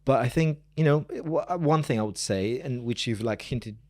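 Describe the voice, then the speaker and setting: This man is a Greek professor in his forties, chatting informally as an interview guest, drifting into digressions and repeating himself emphatically. His pitch is medium, his pace moderate, and his voice slightly mellow, recorded without echo.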